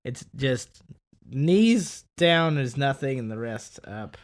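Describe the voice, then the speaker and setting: A man's voice: mid-range voice, expressive, slow. A man around thirty, co-hosting a podcast in casual chat, telling stories animatedly and swearing freely. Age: 30s. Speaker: podcast co-host.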